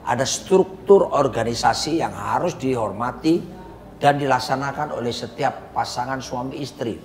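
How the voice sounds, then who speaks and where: A man's voice: medium pitch, normal speed. A male pastor teaching in a conversational sermon style, preaching emphatically with his co-host. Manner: emphatic preacher, repeats partner's phrases. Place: coffee lounge. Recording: roomy reverb with faint background hum.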